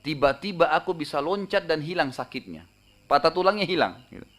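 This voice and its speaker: A male Islamic preacher retells a story during a sermon, sounding lively and a little high and brisk. He often tags his lines with a casual filler and raises his voice for the shouts within the story.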